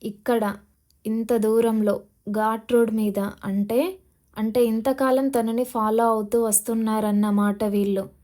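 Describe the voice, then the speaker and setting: A woman narrating an audio novel in a steady, expressive reading style. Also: a little high, measured pace.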